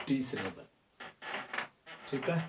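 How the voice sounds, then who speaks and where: A man's voice: medium pitch, very animated, slow pace. A man with a Sindhi accent teaching a grammar lesson, often checking that the class has understood. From Sindh, Pakistan. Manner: checks understanding with frequent rhetorical questions. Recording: echoey room, mic at a distance, faint noise.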